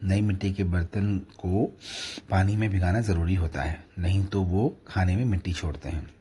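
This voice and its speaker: A man's voice: deep voice, normal speed, warm tone, slight background noise, lightly acted. A man voicing a caring young husband who speaks reassuringly.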